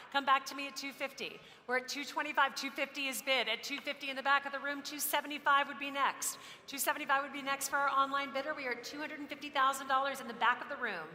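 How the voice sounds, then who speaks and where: A woman's voice: high voice, sharp tone. A woman auctioneer calling bids live, repeating figures in a courteous, practiced way. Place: large auction hall. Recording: echoey hall with background noise.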